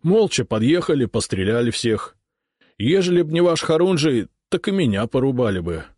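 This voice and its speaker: A man voicing a talkative, rustic Cossack sergeant in dialect-heavy, raised-pitch speech. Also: very animated, normal speed, darkish tone, breathy edge, no echo, clean studio sound. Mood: plaintive.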